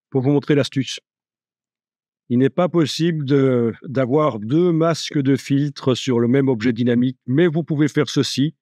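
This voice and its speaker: Male software instructor, casual and jokey, thinks out loud, mid-range voice, dry close sound. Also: mid-range voice, no room sound. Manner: chatty, jokey, thinks aloud. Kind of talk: live software tutorial.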